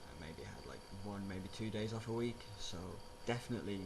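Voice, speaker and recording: A man's voice: fairly low pitch, animated, brisk. A man giving a casual personal update in a rambling, self-correcting way, as a vlogger. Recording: clear background noise.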